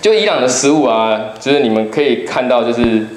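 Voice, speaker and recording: A man's voice: mid-range voice, lively intonation, a little fast. Man, Taiwanese Mandarin accent, storytelling lecture, roomy hall, faint noise behind. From Kaohsiung, Taiwan. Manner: chatty storytelling, jokes with the audience. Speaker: public lecturer, travel writer. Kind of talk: humorous public talk with slides.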